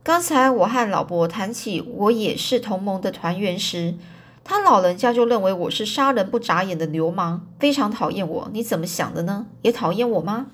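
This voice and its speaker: A woman voicing a calm, fearless young man who speaks with unbothered composure. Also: mid-range voice, moderate pace, husky.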